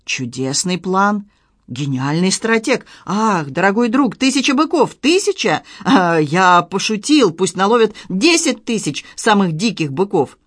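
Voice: mid-range voice, sing-song, a little slow, a bit bright, dry recording, studio quality. An audiobook reader voicing a pompous aristocratic male governor who speaks in a grand, drawling, mock-jovial way. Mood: grandly amused. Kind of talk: audiobook character voice.

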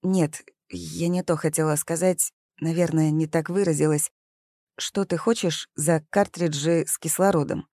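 A woman's voice: low-pitched, fairly even intonation, unhurried, mellow, no echo. A woman voicing a young woman who is cornered and anxious, speaking tensely and defensively.

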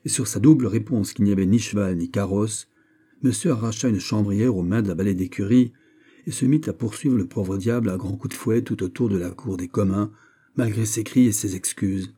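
A man narrating a classic novel as an audiobook in a measured, even way. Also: on the low side, husky. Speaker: audiobook reader.

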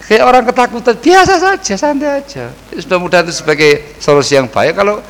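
A man, a religious teacher answering questions in a casual study session, lively and acting out the people he quotes. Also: sits high, fairly quick, in a large hall, low-quality recording. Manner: lively, mixes Javanese phrases, acts out quoted people.

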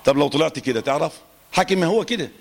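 A middle-aged man with an Egyptian accent teaching Quran recitation to a class in a lively, joking manner, stretching out letters slowly to demonstrate them. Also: on the high side, vocal fry. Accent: Egyptian Arabic. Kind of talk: live tajweed lesson to a class.

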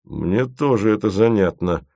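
A man voicing a blunt, quick-tempered young man, in a dry recording. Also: on the low side, lively intonation, vocal fry, warm tone, no room sound, full character voice. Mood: matter-of-fact. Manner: blunt, brusque.

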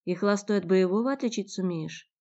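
A woman's voice: medium pitch, fast talker, darkish tone, natural voice. A woman narrator voicing a blunt, tough young man who speaks curtly and growls his threats. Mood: probing. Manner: curt, growling. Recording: dull lo-fi recording.

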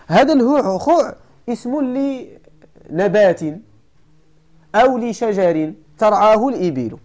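A woman's voice: on the high side, dark tone. A woman with a Moroccan accent teaching a class, repeating each point and asking rhetorical questions. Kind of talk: classroom lecture on classical texts.

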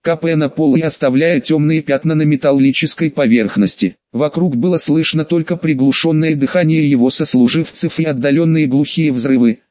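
A man reading an audiobook in a steady, dramatic narration style. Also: a little high, moderate pace, hardly any pauses, no room sound. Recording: dull, muffled studio voice recording.

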